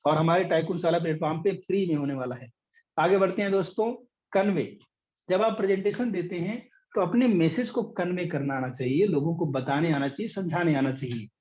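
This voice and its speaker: A man's voice: fairly high pitch, a little fast, a little mellow. A middle-aged man, a business coach telling stories and teaching in an online session, with frequent fillers. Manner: anecdotal and hesitant, many fillers. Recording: dull lo-fi audio.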